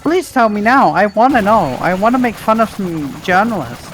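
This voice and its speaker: Rambly excitable lady on a game stream, curses a lot, bit of music behind. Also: moderate pace. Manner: excitable, rambling, swears, jumps high when startled. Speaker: stream co-host. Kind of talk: casual live-stream chat.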